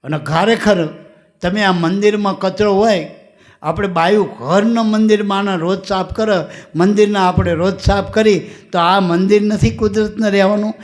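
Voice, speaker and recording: A man's voice: high voice, fairly even intonation, normal speed. Male spiritual teacher, Gujarati accent, homespun storytelling sermon at a devotional gathering. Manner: folksy, storytelling, addresses listeners as "my dear". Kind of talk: devotional satsang discourse.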